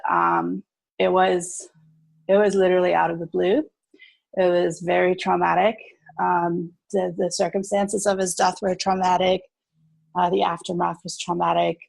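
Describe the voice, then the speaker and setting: A South African-born woman in her thirties, now with an American accent, casually shares her story as a podcast guest. Her voice is lowish and flat with vocal fry, and she speaks unhurriedly, chatting with lots of fillers and laughing easily. The recording is low quality, with no room sound.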